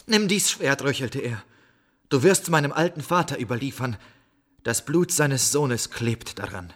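A solemn stranger bearing grim news in a classic radio play. His husky, mid-pitched voice tells the tale with measured gravity. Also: animated, fairly bright tone. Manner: solemn storytelling.

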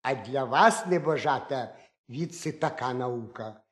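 A man narrating a folk tale for children in an expressive, lively way. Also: mid-range voice, measured pace. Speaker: storyteller. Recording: roomy echo.

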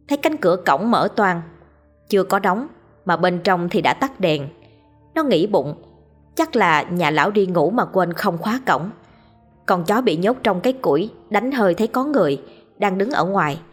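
A woman narrates a horror story with steady drama, her voice husky and set fairly low. Faint music plays softly behind her.

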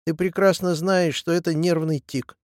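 A man doing a deadpan sly partisan. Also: fairly high pitch, normal speed, no echo, clean studio sound, lightly acted. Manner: simple, deadpan replies.

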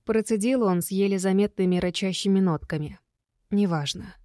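A woman narrating a first-person fantasy audiobook with expressive storytelling. Her voice sits at a middle pitch. The recording is dry and close. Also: moderate pace, dry recording.

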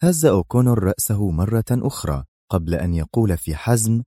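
A man narrating a spy thriller audiobook in a measured, dramatic way. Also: lowish voice, expressive, mellow, no room sound, studio quality.

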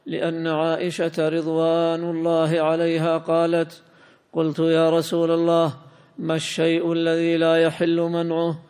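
A man reading a classical commentary aloud in a smooth, measured recitation for a lesson. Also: fairly high pitch, monotone, darkish tone. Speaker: student reading the text aloud. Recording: long hall reverb.

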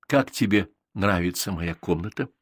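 A man's voice: deep voice, normal speed, breathy edge, no echo, studio quality. A man reading an audiobook, voicing a bossy, playful thirteen-year-old girl who lectures. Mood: lecturing.

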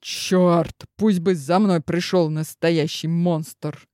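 Woman voicing a gruff fed-up guy, a bit lower, dry close sound. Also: fairly even intonation, takes it slowly, dark tone, no room sound. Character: gruff grown man, blunt and exasperated.

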